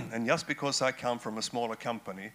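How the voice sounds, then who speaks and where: A man's voice: mid-range voice, a little fast, gravelly, a bit bright. A man from Sweden, a company executive speaking bluntly and indignantly on a panel. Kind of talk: panel discussion.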